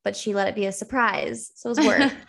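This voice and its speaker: A woman in her twenties in casual chat, chiming in with quick, upbeat reactions. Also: mid-range voice, creaky.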